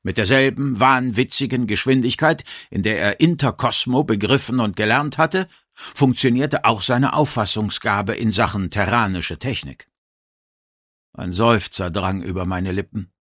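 A man reading a first-person story aloud in a dramatic, expressive narration style. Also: on the low side, measured pace, no room sound, studio quality. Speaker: audiobook narrator.

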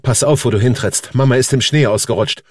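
A man's voice: mid-range voice, brisk, no room sound, studio quality, voice pushed up, lightly acted. A man voicing a father who firmly insists on his version of events, in a controlling tone. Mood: insistent. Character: a father covering up his deed.

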